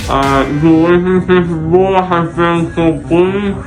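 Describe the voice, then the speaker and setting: A man's voice: fairly high pitch, measured pace, music in the background. A man groggy from anesthesia, half awake, vlogging casually with muffled, numb-mouthed speech as if his mouth is packed with gauze. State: dizzy and drowsy after surgery. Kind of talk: casual vlog to camera.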